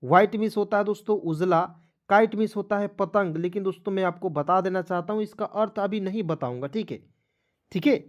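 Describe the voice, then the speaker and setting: A man from India teaching English pronunciation, spelling words out slowly, letter by letter, and repeating them. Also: sits high. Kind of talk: classroom-style phonics lesson.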